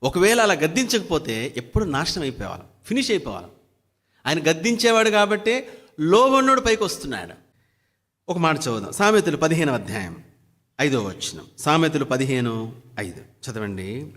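A man's voice: a little high, sing-song, moderate pace, a bit bright, in a large hall. A man preaching a daily devotional sermon who keeps firing rhetorical questions at his listeners. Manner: fires repeated rhetorical questions.

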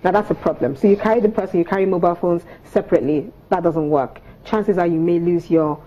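A fast-talking woman with a low-leaning voice and a Nigerian accent, in her thirties, explains things as an etiquette coach guesting on a morning TV show from the studio sofa. She enunciates in a prim, precise, instructive manner, captured in a muffled recording.

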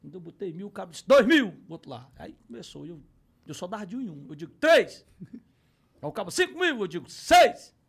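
A man from Ceará with a Cearense accent, telling a story as a podcast guest, acting out quotes and shouted bids. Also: a little high, very fast, creaky, breathy edge. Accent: Cearense Portuguese. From Ceará, Brazil. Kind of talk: animated storytelling.

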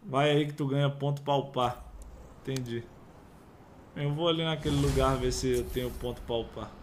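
A man's voice: medium pitch, fairly even intonation, normal speed, a little hiss or hum. A young man with a Brazilian Portuguese accent playing and commenting a video game casually, with slang and swearing, on a headset in a small room. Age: young adult. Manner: casual, slangy, swears, mumbles while reading. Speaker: gaming youtuber. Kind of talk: let's play commentary.

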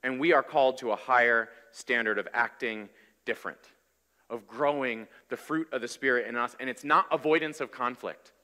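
A man in his thirties preaching a sermon from a pulpit, in a conversational, energetic way. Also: medium pitch, moderate pace. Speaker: pastor. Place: large church hall, on stage at a wooden pulpit. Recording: reverberant church hall.

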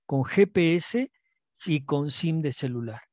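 A man's voice: a little high, expressive, slow, darkish tone, no room sound. An older man in his sixties on a headset mic, earnestly explaining on a video call with many fillers. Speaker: guest parent. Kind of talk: casual video call chat.

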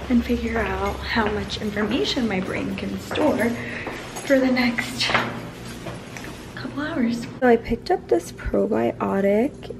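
A woman in her twenties chatting casually to camera in a vlog, sometimes dropping to a whisper. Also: on the high side. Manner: chatty, with whispered morning asides. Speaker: vlogger. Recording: noisy phone-camera vlog audio.

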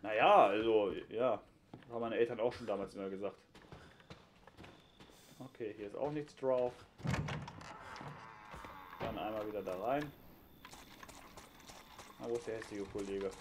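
Playing a horror game at home, a man keeps up casual, joking let's-play commentary through a headset. His lowish voice is unhurried, with long pauses, over a noisy background.

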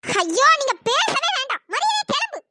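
A performer voicing a sharp-tongued, furious middle-aged mother in a cartoon, scolding and shouting. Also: extremely high pitch, big pitch swings, moderate pace, no room sound, heavily acted. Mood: angry scolding. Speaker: angry aunt. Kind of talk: pitched-up cartoon voice acting.

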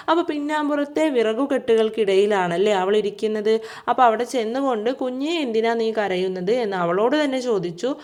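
A woman's voice: fairly high pitch, a little mellow. Woman teaching young children. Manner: sing-song recitation of a poem, addressing children as friends. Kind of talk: children's textbook lesson.

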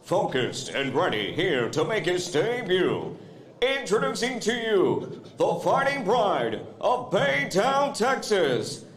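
A man's voice: sits high, huge pitch swings. A man working as a boxing ring announcer, stretching out the fighters' names. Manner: drawn-out shouted fighter names. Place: convention center arena. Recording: echoey arena sound.

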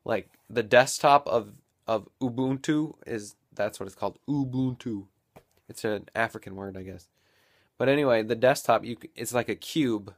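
A young man vlogging casually at home, rambling and thinking out loud into a built-in camera mic. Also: medium pitch, moderate pace. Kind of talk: casual daily vlog.

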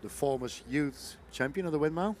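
A man's voice: on the high side, fairly quick, a little mellow. A man giving chatty live commentary on darts as one of two commentators. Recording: faint venue noise behind.

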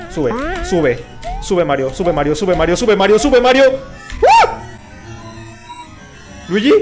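A young man giving jumpy, panicky let's-play commentary to his viewers. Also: mid-range voice. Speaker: gaming YouTuber. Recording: music playing behind.

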